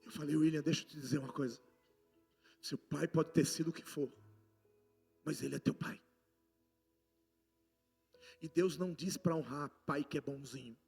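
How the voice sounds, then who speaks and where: A man with a Brazilian Portuguese accent preaching a sermon, passionate and swinging between loud outbursts and hushed lines. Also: on the high side, steady tone, moderate pace, vocal fry, long pauses, husky, faint music behind. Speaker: apostle preaching.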